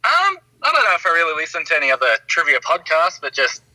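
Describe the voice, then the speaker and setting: A man's voice: fairly high pitch, wildly swooping pitch, fast talker, bright, forceful tone, no echo, low-quality recording. A man in his twenties with an Australian accent, a guest on a podcast call, giving short, laid-back replies. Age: 20s. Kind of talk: casual call-in chat.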